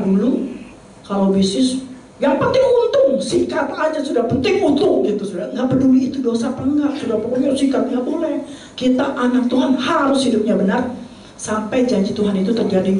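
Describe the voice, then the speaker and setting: A middle-aged woman preaching a sermon from Indonesia, lively and often addressing the congregation directly. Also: on the high side. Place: church hall. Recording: echoey room, distant mic, faint noise.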